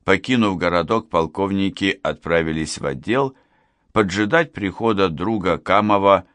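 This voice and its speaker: A man narrating an audiobook in an even, measured manner. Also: deep voice, no echo. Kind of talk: scripted narration.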